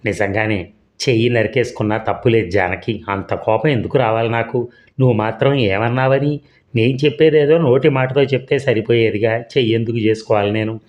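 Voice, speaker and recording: A man's voice: medium pitch, brisk, natural voice. A man reading a remorseful, hot-tempered husband. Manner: coaxing, then regretful and pleading. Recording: dull lo-fi recording.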